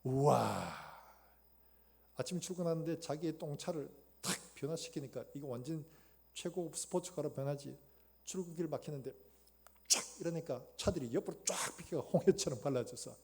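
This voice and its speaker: Gravelly pastor telling a story. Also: male voice, a little high. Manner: storytelling, acting out quotes with sudden loud outbursts. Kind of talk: sermon. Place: church sanctuary.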